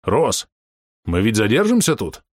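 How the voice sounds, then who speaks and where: A man plays a brooding half-orc warrior in an audiobook, blunt and grumbling. The voice sits a bit higher than the narrator's own and stays close and dry. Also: wildly swooping pitch, a little slow, dry recording, full character voice. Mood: musing.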